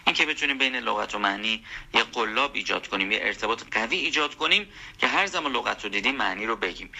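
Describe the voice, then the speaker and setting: Gravelly man teaching step by step. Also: medium pitch, bright, forceful tone. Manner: methodical, lists steps and asks rhetorical questions. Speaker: English vocabulary teacher. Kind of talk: audio lesson for a channel.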